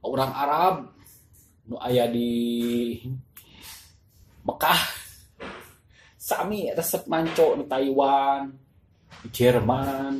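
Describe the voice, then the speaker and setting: A storyteller and channel host with a Sundanese accent politely addresses listeners while narrating a folk tale. The voice is medium-pitched, with drawn-out words and long pauses. It sounds echoey over clear background music, with a little hiss or hum.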